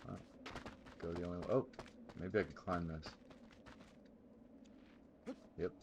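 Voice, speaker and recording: Low-voiced guy chatting over his game stream, rambly, noisy background hiss. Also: fairly even intonation, unhurried. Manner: rambling, thinking aloud, with exclamations. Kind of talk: casual gameplay commentary.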